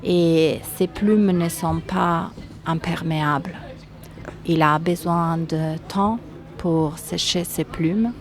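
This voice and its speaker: Speaking as an interview guest, this woman from Italy has a lowish voice and an Italian accent. She pauses often and leans on fillers, giving hesitant, considered answers.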